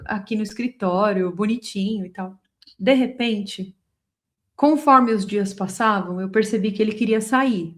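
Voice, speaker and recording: A woman with a Brazilian Portuguese accent, a spiritual teacher and channel host, telling a personal story straight to her viewers in an animated, emotionally involved way. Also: medium pitch. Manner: animated, keeps calling the audience "gente".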